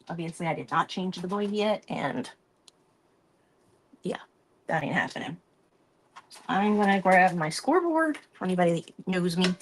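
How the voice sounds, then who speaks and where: A woman with a slightly low voice hosts a crafting live stream. She chats in a loose, rambling way as she works through each step. Her talk stays casual and hands-on throughout. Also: a little hiss or hum. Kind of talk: casual chat while crafting.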